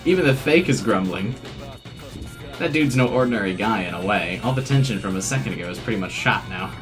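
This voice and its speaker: A man's voice: on the low side, lively intonation, a little fast. A man giving casual playthrough commentary, reading game narration aloud and reacting to it. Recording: game music behind.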